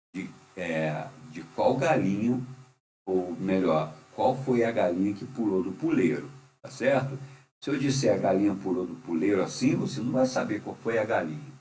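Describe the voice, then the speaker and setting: A man's voice: fairly low pitch, dark tone. A man teaching a grammar lesson, patient and repetitive, often checking in with the listener. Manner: patient, repeats and checks with "certo?". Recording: echoey room, faint hum.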